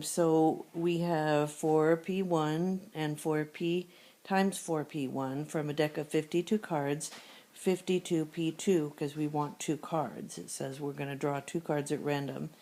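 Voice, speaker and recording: A woman with a sore throat, teaching a screencast math lesson and explaining each problem step by step. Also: low voice. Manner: steady step-by-step explaining, thinking aloud. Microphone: tablet screencast recording.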